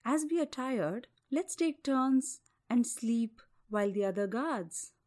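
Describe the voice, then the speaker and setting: A woman voicing a calm, kind male bear who speaks gently in a storybook tale. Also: fairly high pitch, slow. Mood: soothing.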